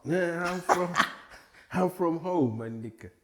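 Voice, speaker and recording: A man's voice: on the high side, lively intonation, slow, over a noisy crowd. A man in his forties from Tanzania, a hip hop artist chatting as a guest in a casual interview, laid-back and rambling. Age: 40s.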